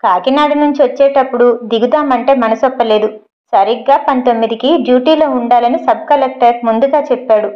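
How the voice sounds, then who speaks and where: A woman voicing a calm young husband in an audio story, talking in an easygoing, soothing and explaining way. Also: fairly high pitch, fairly quick, lo-fi sound, natural voice.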